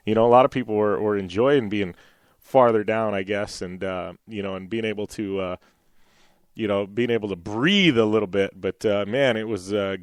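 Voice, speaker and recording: Hosting a radio show, this man rambles casually, leaning on "you know" and frequently restarting his sentences. He's slightly raspy from losing his voice, but his fairly low tone still sounds smooth and resonant. The recording is close and dry, with no room sound.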